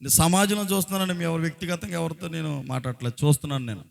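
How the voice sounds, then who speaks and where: A pastor from Andhra Pradesh preaches a sermon in a fairly high voice. He talks colloquially, throwing rhetorical questions at the congregation and exhorting them. His voice now and then swells when he drives a point home. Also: steady tone, racing, gravelly. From Andhra Pradesh, India. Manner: exhorting, often breaking into short acted quotes and raising his voice.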